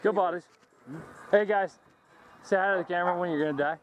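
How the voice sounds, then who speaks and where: A man filming an airsoft game on an old camcorder outdoors, shouting calls and plans to his teammates. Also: sits high, a little fast, highs cut off, noisy background. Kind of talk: excited play-by-play while filming. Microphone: handheld camcorder mic.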